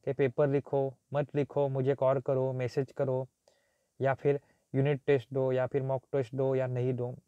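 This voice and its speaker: Man teaching in a warm, dull recording. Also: a little high, no echo. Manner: mixes Hindi with English terms, repeats points, asks and answers himself. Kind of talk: explaining a technical lecture. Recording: dull, slightly muffled recording.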